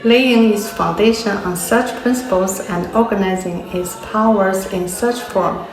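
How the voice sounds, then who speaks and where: A woman giving a measured, solemn reading of a historical document as a community reader. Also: medium pitch. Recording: roomy echo, faint music behind.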